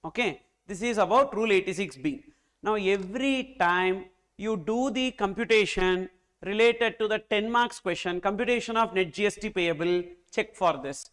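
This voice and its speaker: A man's voice: high voice, normal speed, a bit bright, smooth. A man with a Tamil accent teaching an exam class, repeating key phrases and often checking in with short questions. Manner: repetitive, rhetorical questions with check-ins. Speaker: accountancy teacher. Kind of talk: exam-oriented classroom lecture.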